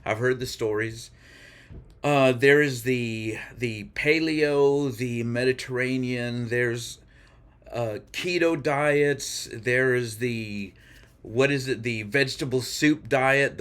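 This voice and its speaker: A man in his fifties speaks straight to the camera in a relaxed vlog, open and a little self-mocking. His voice sits at an ordinary middle pitch, and he pauses with "uh" as he goes. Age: 50s. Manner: candid and self-deprecating, with filler pauses. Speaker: vlogger.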